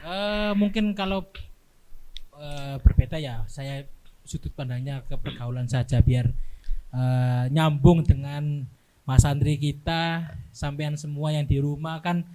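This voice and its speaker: A young man speaking as a guest on a casual podcast, explaining slowly and often checking in with "right?" tag questions. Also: on the high side, mellow. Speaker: guest, dorm security staff.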